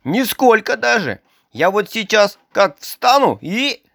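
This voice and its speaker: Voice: big pitch swings, takes it slowly, gravelly, fairly bright tone, full character voice. A reader voicing a small boy stuck under the sea, frightened yet trying to act bold, in a storybook reading. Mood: offended. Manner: higher, childish pitch.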